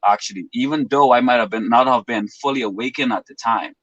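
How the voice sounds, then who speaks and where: A man's voice: medium pitch, brisk, no echo, highs cut off. A man in his twenties from the Bahamas, talking as a guest in an earnest, philosophical way with long winding explanations. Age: 20s. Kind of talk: reflective interview talk.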